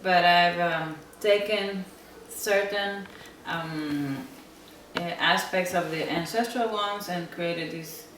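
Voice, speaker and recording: Slow, low-voiced woman in an echoey room. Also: a bit bright, a little hiss or hum. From Central America. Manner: slow and thoughtful, pausing with ums. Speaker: interviewed designer. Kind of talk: interview answers. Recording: echoey room, mic at a distance.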